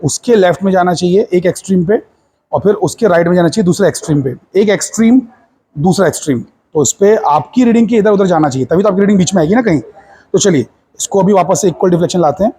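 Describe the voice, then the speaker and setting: A man with a high, husky voice and a dark tone speaks quickly as he runs a hands-on physics lab demonstration in Hindi mixed with English. He has an Indian accent, explains each step in turn, and keeps checking that the class is following.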